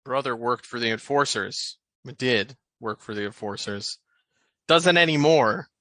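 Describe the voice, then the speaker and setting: A menacing toy knight thug played by a male game master speaks in a low gravel growl. He is taunting and confrontational, with a forceful edge, in a tabletop fantasy game. The sound is close and dry. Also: animated, measured pace, no room sound.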